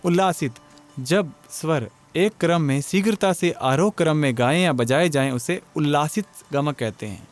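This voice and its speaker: A man's voice: on the high side, normal speed. A male music teacher giving an exam-prep lecture, explaining step by step and asking and answering his own questions.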